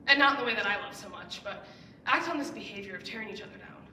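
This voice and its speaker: Speaking fast with lively intonation, a student in her late teens gives an earnest persuasive speech from a school stage in a sharp, mid-range voice, stressing key words with emphatic rises. Recorded from some distance, the audio has roomy echo and a little hiss or hum.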